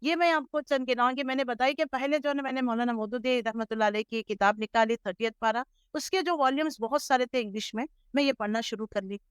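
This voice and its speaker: A woman's voice: a little high, fairly even intonation, clean tone, no echo, studio quality. Earnest middle-aged woman recalling her life. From Hyderabad, India. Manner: measured, earnest storytelling with English words mixed in. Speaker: interview guest, Islamic scholar. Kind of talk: reflective life-story interview.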